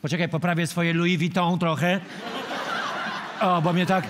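A man's voice: high voice, level tone, moderate pace, background noise. A middle-aged man hosting a late-night talk show, teasing and mocking his guest and laughing at his own jokes. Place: TV studio with live audience.

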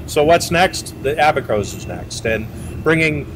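A man's voice: fairly high pitch, animated, a little slow. Middle-aged man rambling outdoors with noise. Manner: rambling, with many fillers and restarts. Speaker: boat manufacturer representative. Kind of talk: casual interview answers. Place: outdoors beside a boat at a marina.

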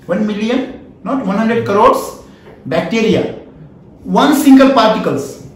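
A man's voice: high-pitched, animated, slow. A man in his forties with an Indian accent, lecturing a class emphatically, asking questions and repeating key phrases. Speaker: trainer, lecturer. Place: small wood-panelled indoor training room. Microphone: camera a few feet away. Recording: very echoey room, mic at a distance.

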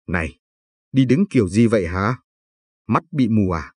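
Guy reading a cranky village auntie who nags everyone, low husky voice, dry close sound. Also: expressive, moderate pace, no echo. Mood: scolding. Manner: scolding, quarrelsome. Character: sharp-tongued middle-aged village auntie.

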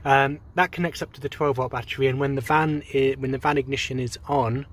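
A man's voice: mid-range voice, brisk. A man giving a casual, rambling vlog walkthrough, filmed outdoors on a handheld phone. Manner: relaxed, rambling with many ums and restarts. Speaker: vlogger. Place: outdoors at a rural charging station and van.

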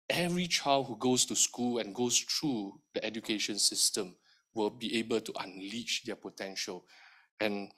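A man with a hoarse, recovering voice giving formal opening remarks at an event, measured with frequent ums. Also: mid-range voice, fairly bright tone. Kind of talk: formal speech at a public event.

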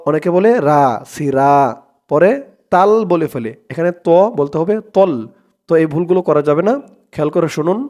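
A man with a Bangladeshi Bengali accent teaching Quran recitation, spelling out letters and vowel marks and then chanting the words slowly. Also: a little high, warm tone.

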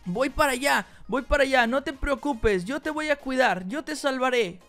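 A host playing a scheming character in a video game role-play, talking excitedly and theatrically. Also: high-pitched, moderate pace, soft background music.

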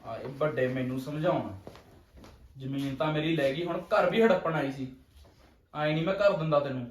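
A man's voice: on the high side, roomy sound, lightly acted. An actor playing a young man who pleads with his sister for forgiveness after losing his land. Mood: bitter. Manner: pleading, repentant, with many pauses. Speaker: brother.

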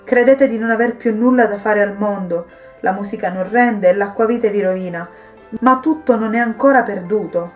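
A woman reading the lines of a kind, devout wife and mother who gently persuades a troubled guest to stay. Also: medium pitch, moderate pace, soft background music, natural voice. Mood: gently persuasive. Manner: warm, patient pleading.

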